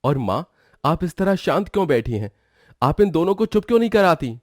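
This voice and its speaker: A man voicing an exasperated young husband in a cartoon story, with a lively, rising and falling delivery. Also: fairly high pitch, a little fast, no room sound, studio quality.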